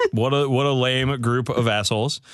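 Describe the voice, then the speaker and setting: A man co-hosting a casual podcast, wry and quick, often laughing. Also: medium pitch, steady tone, clean tone, dry recording, clean studio sound. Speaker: podcast co-host.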